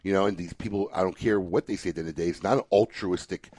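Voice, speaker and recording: A man's voice: low-pitched, rapid-fire, no room sound. A man hosting a podcast, chatting casually and ranting with lots of restarts. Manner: animated, ranting, frequent restarts. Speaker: podcast host. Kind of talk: casual opinionated chat.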